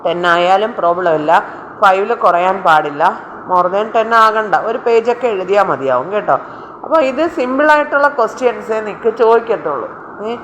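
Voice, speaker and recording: A woman English teacher with a Malayali accent going through exam questions, reading the English questions slowly and explaining more quickly. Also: medium pitch, animated, fairly bright tone. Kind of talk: exam paper discussion lesson. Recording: roomy with faint background noise.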